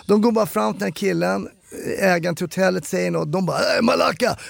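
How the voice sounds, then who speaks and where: Gravelly high-voiced man telling stories. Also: no room sound. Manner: animated storyteller acting out shouted quotes. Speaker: podcast co-host. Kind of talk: casual anecdote telling. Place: studio. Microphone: studio mic.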